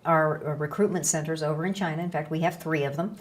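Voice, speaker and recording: Brief: woman, university official, low voice, measured explanatory interview. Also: fairly even intonation. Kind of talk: interview sound bite.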